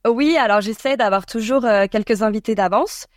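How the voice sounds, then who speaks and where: Being interviewed about her podcast work, a woman from France responds thoughtfully and conversationally in a French accent, frequently stopping mid-sentence. Her voice sits on the high side, and the recording is dry and clean, studio-grade.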